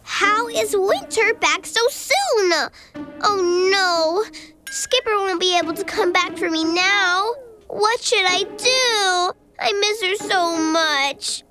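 A tearful little crocodile girl, with a squeaky, very high voice. She talks slowly and sweetly in a children's cartoon. Cheerful music plays underneath. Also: lively intonation, heavily acted. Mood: sad. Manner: sobbing, wistful child voice. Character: little female crocodile, tender and weepy.

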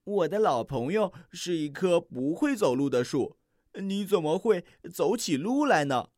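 A little red-beaked bird from a children's storybook asks puzzled questions in a raised, lively voice, as a reader puts her on. The sound is close and dry. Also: mid-range voice, measured pace, dry recording, voice pushed up. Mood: wondering. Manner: questioning, wondering. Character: small bird returning to find her friend.

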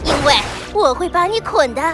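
A woman's voice: very high-pitched, expressive, fairly quick. A woman voicing a boastful, taunting vine spirit henchman in a children's cartoon, with a cackling laugh. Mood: gloating. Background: children's music.

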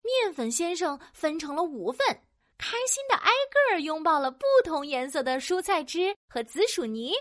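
A woman narrating a children's audio story in a playful, animated way with sound-effect words. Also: high-pitched, normal speed, dry recording, clean studio sound.

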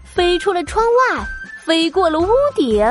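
A woman narrating a children's story in an animated, sing-song way. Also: very high voice, unhurried, soft background music.

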